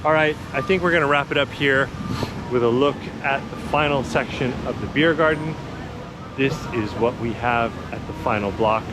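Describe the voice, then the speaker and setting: Out on city streets, a vlog host and walking tour guide narrates casually as he walks, chatting and explaining in an easygoing, informal way. His mid-range voice moves at a moderate pace amid outdoor street noise, passing traffic, city ambience, and cars.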